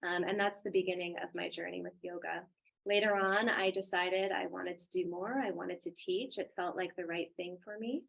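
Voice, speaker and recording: A woman's voice: fairly low pitch, steady tone, normal speed, creaky, fairly bright tone, rough recording. A woman from Germany presenting informally and upbeat as a yoga teacher and webinar host. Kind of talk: casual presenting and personal storytelling.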